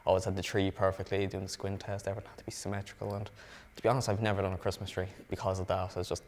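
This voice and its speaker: Brief: teen woman interviewee, halting, deep flat voice. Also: long reverb tail, a little hiss or hum. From Ireland. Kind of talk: documentary interview.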